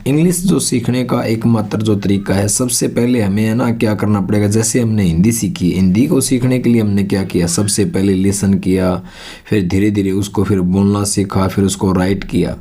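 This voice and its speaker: A man from India giving a spoken English lesson, patiently explaining and repeating each English phrase slowly as a drill. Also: on the low side, dark tone, husky. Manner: explains patiently with rhetorical questions. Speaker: English teacher.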